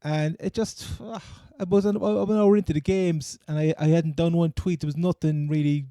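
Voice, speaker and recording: Cork man, very mellow, rambling talker. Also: fairly high pitch, steady tone, brisk, no echo, studio quality. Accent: Cork, Irish. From Cork, Ireland. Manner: rambling, stammering, repeats phrases. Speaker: sports podcast co-host. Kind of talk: casual American football chat.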